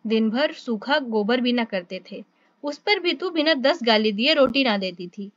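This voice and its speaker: A woman voicing Hira, a resentful young village man who shouts threats. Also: on the high side, expressive, a little slow, no room sound, muffled recording. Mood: angry.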